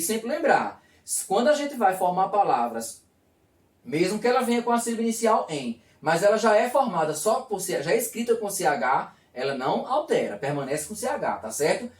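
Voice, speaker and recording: A man teaching a video lesson, with a lively voice that rises and falls as he walks through each step. He often asks a question and then answers it himself. The sound is roomy and echoey, caught from some distance away. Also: high voice, moderate pace. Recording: echoey room, voice from far off.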